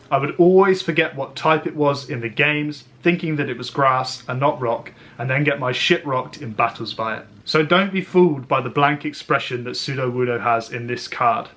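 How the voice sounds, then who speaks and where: A man hosting a review in an eloquent yet casual, expressive way, like a narrated vlog with some slang. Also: medium pitch. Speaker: trading card reviewer and host. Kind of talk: scripted review narration with casual pack-opening commentary.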